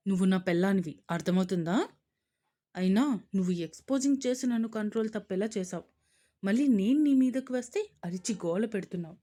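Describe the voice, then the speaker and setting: A woman doing a stubborn gruff young husband. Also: lowish voice, a little fast, close to an everyday voice. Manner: loud, blunt, stubborn.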